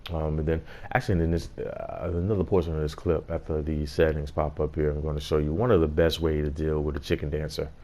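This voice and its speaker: A man's voice: very deep voice, little pitch movement, fast, hardly any pauses, mellow. A man giving a casual gameplay tutorial as host, explaining things in an informal way.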